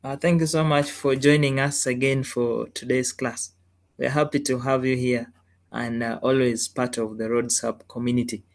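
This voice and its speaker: A man's voice: mid-range voice, level tone, normal speed. A man hosting an online engineering class on a video call, welcoming participants and politely thanking each one.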